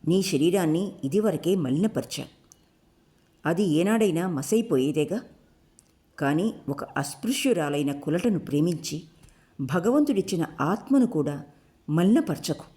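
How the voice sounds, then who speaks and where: A woman narrator voicing a proud, wounded young woman who lashes out with sharp, scornful outbursts in an audiobook. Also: on the low side, lively intonation, a little slow, long pauses. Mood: indignant. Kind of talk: audiobook character voice.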